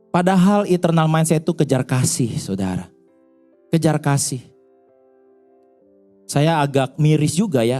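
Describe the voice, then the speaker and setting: Man, pastor, conversational sermon, high voice, soft music behind. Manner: chatty storytelling, repeatedly addressing the congregation.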